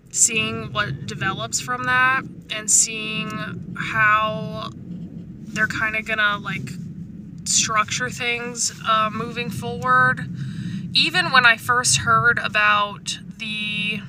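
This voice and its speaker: A woman vlogging from inside her parked truck in casual, rambling, slangy chat, with faint ambient noise behind her. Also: a little high.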